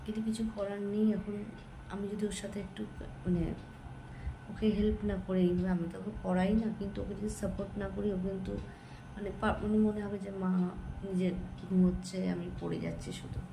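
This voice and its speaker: A tired woman, talking softly and slowly to her phone camera at home in the early morning. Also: mid-range voice, little pitch movement, gravelly, background noise. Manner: speaks softly and slowly so as not to wake her family. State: sleepy and tired. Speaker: vlogger. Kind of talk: casual chat to camera.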